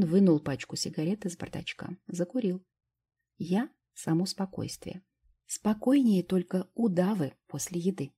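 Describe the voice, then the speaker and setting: A woman reading first-person fiction aloud as a steady, measured audiobook narrator. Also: medium pitch, slightly rough.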